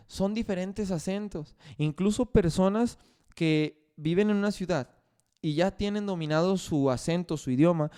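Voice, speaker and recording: Pastor, male, sermon delivery, slightly high, warm resonant tone. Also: clear, resonant tone. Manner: repeats phrases and scripture references while preaching.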